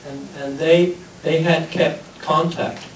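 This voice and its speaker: A man interprets consecutively at a panel, speaking slowly with frequent fillers. He sounds distant in a roomy hall, with faint noise behind him. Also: fairly high pitch, steady tone. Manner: halting, many fillers.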